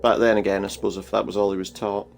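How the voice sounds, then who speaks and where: A man's voice: fairly low pitch, little pitch movement, quick pace, soft background music. A man hosting a game playthrough, musing wryly in casual commentary and reading game text aloud. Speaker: gaming video host.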